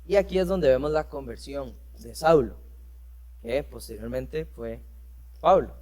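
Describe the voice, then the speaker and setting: A man's voice: mid-range voice, measured pace, a little mellow. A man teaching a church lesson, reading scripture aloud and explaining it with rhetorical questions and frequent fillers. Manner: frequent fillers and self-corrections. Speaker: preacher.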